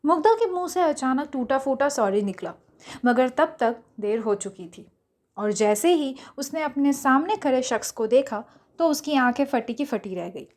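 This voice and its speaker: A woman narrating a romantic audio story in a smooth, steady storytelling manner. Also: sits high, measured pace.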